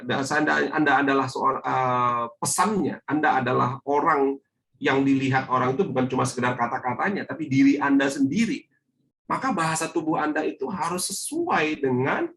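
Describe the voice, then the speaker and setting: Bright-voiced male speaking coach. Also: a little high, moderate pace, low-quality recording. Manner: lively, coaxing, with frequent rhetorical questions. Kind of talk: online webinar teaching.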